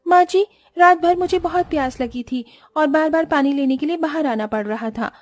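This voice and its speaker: Woman doing a shrill spoiled young wife. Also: normal speed, darkish tone, dry recording, soft background music, natural voice. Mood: demanding. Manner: shrill, demanding and rude. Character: spoiled, selfish rich young wife, bossy.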